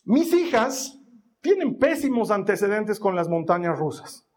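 A man's voice: high voice, measured pace. A man preaching a sermon, telling a family story and acting out every voice in it. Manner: animated storytelling, acts out voices.

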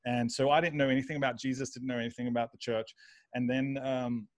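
A man's voice: medium pitch, flat delivery, fast, no echo. A man with an Australian accent telling his story casually as an interview guest, rambling and repeating words as he goes. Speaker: guest, online pastor.

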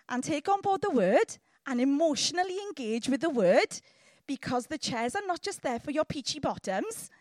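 A woman preacher from south Wales with a Welsh accent gives a lively, informal sermon, teasing her listeners and often checking in with short questions. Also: sits high, no room sound, clean studio sound. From Llanelli, south Wales.

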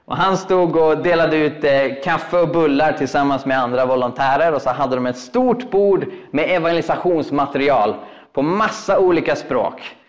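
A man preaching a sermon, telling stories in an animated, expressive way with acted quotes. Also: on the high side. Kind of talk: sermon storytelling.

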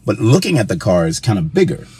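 A man's voice: on the low side, very animated, fast talker, dark tone, slightly rough, no echo. A man co-hosting a casual vlog from inside a car, laid-back and joking. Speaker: vlog co-host. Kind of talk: casual chat.

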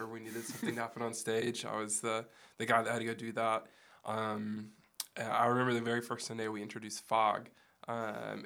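A man with a gravelly, hoarse voice that sounds like it is giving out, chatting casually as an interview guest. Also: fairly low pitch, a bit bright. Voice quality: gravelly, losing his voice. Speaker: podcast guest, church production staff. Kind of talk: casual interview, recounting his background.

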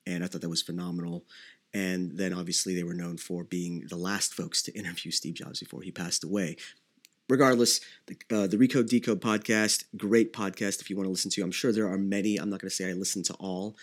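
A man's voice: sits low, steady tone, brisk. A man in his thirties from the Philippines hosting his podcast alone, answering listener questions in a conversational way with many fillers and restarts. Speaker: podcast host. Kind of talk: solo podcast Q&A.

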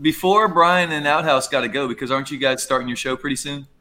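A man's voice: fairly high pitch, quick pace, sharp tone. A man in his thirties hosting a casual group chat on a live stream, joking loosely and stumbling over his words. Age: 30s. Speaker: podcast host.

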